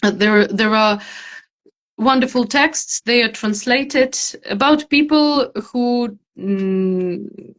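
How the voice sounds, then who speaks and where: Female interview guest, Ukrainian accent. Unhurried, hesitant, thoughtful delivery, slightly high pitch. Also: fairly bright tone. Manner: hesitant, searching for words. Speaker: interview guest, theater maker.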